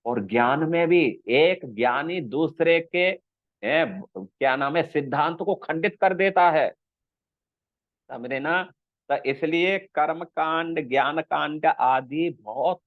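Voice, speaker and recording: A man speaking as a spiritual teacher, unhurried and explanatory, now and then intoning a verse and asking if his listeners follow. His voice sits fairly high for a man. The sound is dry and thin, as if over a phone line. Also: dry recording. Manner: slow, explanatory, checks with listeners. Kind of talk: scriptural discourse.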